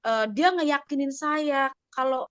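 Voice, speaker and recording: A woman's voice: high-pitched, slow, no echo, dull audio. A woman giving a personal testimony on a video call, telling her story with animation and acting out the voices of others.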